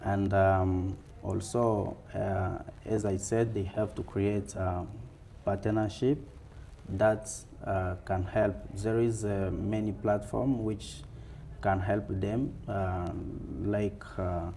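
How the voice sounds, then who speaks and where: An African-accented man gives interview answers in a fireside chat. His voice is low and soft-edged, and he speaks slowly and deliberately, with pauses. Faint room noise sits behind him. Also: fairly even intonation, gravelly. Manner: halting, deliberate.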